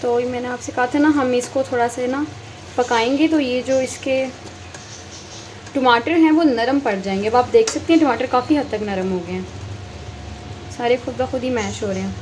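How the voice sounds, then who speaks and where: A woman speaks directly to viewers from her home kitchen, offering chatty cooking guidance step by step while recording on a handheld phone. Her pitch is fairly high and her speed normal. There's slight background noise, with loud frying sizzle and stirring behind her.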